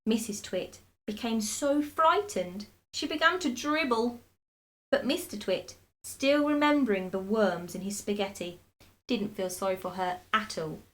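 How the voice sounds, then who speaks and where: A woman reading a children's book aloud in expressive storybook narration. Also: mid-range voice, a little slow, poor audio.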